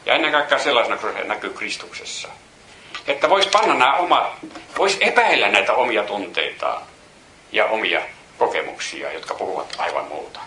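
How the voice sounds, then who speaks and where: A man giving a Bible teaching sermon, reading psalm verses aloud and explaining them in a slow, halting way with restarts, his voice rising when he stresses a point. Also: fairly low pitch, lively intonation, sharp tone, roomy sound, slight background noise. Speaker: preacher.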